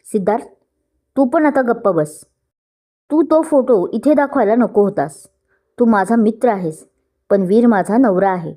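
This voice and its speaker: A woman's voice: a little high, expressive, unhurried, long pauses, dark tone. A woman voicing a hurt young bride in a storybook reading, speaking in an emotional, pleading voice.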